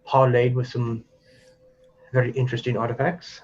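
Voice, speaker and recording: A man's voice: mid-range voice, little pitch movement, moderate pace, darkish tone, slight background noise, natural voice. A man doing a smug noble lord. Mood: chatty. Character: male nobleman, relaxed, smug, bookish. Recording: dull lo-fi with faint music.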